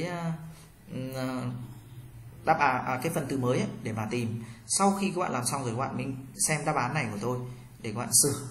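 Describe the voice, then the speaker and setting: A man's voice: mid-range voice, slight background noise. Man drilling tones in an echoey room. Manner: drills syllables slowly, exaggerating each tone, then explains in Vietnamese. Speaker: Chinese language teacher. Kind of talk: pronunciation lesson. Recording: roomy echoey room sound.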